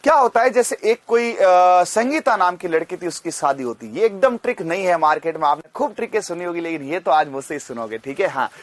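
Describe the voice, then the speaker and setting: A man teaching chemistry in an energetic, motivational way, often repeating phrases and slowing down to drill memory tricks. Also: high voice, dry recording. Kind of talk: energetic classroom lesson with mnemonic story.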